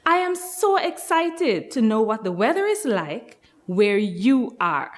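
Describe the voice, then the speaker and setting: Female kids show host and nursery teacher, very animated delivery, unhurried, encouraging, leaves room for answers. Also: fairly high pitch. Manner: slow, encouraging, sing-song questions with pauses. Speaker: nursery teacher hosting a children's lesson. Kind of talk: kids show host addressing young children.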